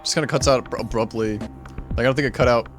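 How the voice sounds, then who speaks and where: Brief: man, mid-pitched, loose rambling game-stream commentary, half talking to himself. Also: fairly even intonation, quick pace, soft background music. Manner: rambling, thinking aloud with frequent "like". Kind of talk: casual gameplay commentary.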